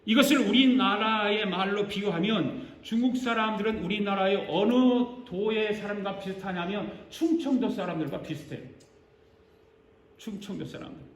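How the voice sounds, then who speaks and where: Older male pastor preaching, playful and animated, in a roomy, reverberant church. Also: sits high, normal speed. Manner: animated, joking, acts out congregation responses. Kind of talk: sermon. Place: church sanctuary. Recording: echoey church sanctuary.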